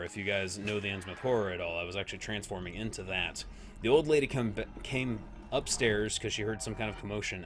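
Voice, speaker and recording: Low-voiced man chatting while streaming. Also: a bit bright. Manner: chatty, reacts aloud, greets chat viewers, laughs often. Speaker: game streamer. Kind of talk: casual live-stream gameplay chat.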